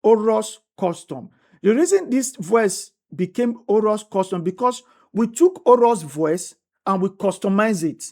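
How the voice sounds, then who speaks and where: Using a mid-range, dark-toned voice with lively intonation and a measured pace, a woman instructs viewers in a screen-recorded tutorial. She works step by step, repeating herself and asking "right?" along the way.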